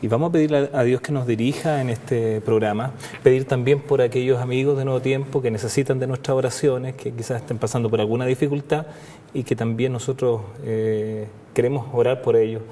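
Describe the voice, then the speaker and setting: A man hosting a faith program, speaking slowly and searching for words with restarts. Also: mid-range voice, fairly even intonation, warm tone, big-room sound. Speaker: host.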